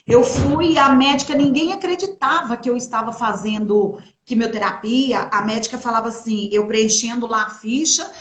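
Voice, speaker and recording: A young woman telling an emotional faith testimony in a live chat, animated, quoting the people she met along the way. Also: fairly high pitch, moderate pace, few pauses, roomy sound. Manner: animated storyteller, quoting others in her retelling. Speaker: guest sharing her testimony.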